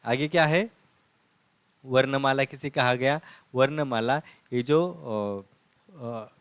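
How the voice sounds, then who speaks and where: A man's voice: mid-range voice, slow, clean tone, no room sound. Patient man teaching the alphabet, dry sound. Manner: patient, repetitive, asks and answers own questions. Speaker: language teacher. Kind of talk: classroom lesson explaining script.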